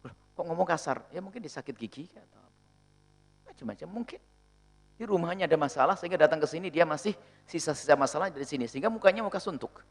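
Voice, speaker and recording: A male preacher answering questions in a sermon, animated and often acting out the people he quotes. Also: a little high, quick pace, pauses often. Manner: animated, acts out quoted speakers.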